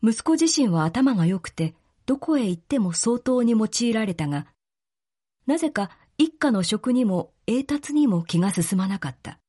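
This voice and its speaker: A woman narrating a literary story in a calm, measured reading. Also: on the high side, slightly rough.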